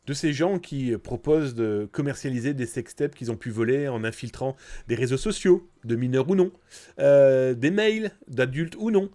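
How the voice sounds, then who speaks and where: A man's voice: medium pitch, animated, moderate pace, warm tone. A man with a blocked, nasal nose, hosting a live news stream in a casual, chatty way, speaking straight to his viewers. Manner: chatty, informal, directly addressing viewers.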